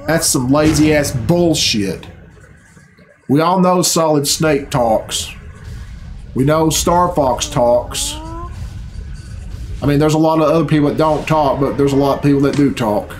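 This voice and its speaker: A slightly high male voice, a little slow and broken by long pauses, delivers blunt, sarcastic, profane reaction commentary. The host is a man in his thirties in a small indoor bedroom at home, and the rough recording carries slight background noise plus game cutscene music.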